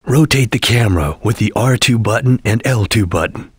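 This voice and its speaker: A man's voice: lowish voice, normal speed, slightly rough, no room sound, studio quality. A man playing a stern, disciplined ninja chameleon in a video game, speaking in solemn, formal, clipped declarations. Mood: calm, instructive. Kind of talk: video game character voice acting.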